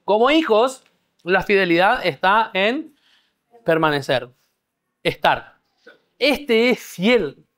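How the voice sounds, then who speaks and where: A man's voice: sits high, animated, slow pace, pauses often, a bit bright. A man preaching a discipleship sermon. He teaches a live congregation in church, keeps checking that they follow, and has them repeat words back to him. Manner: checks understanding, leads call-and-response. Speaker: pastor.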